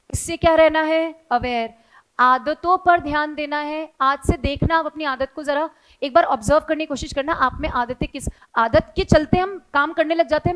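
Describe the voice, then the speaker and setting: A woman teacher with a bright, high voice talks earnestly to her students. She mixes English phrases into her advice and acts out their anxious thoughts with animated little voices. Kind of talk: motivational talk to students.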